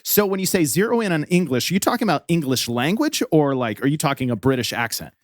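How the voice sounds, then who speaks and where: A man's voice: on the high side, big pitch swings, fast talker, no echo, studio quality. A man co-hosting a podcast, telling rambling stories in casual chat with lots of fillers. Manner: chatty, rambling storyteller with many fillers. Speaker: podcast co-host.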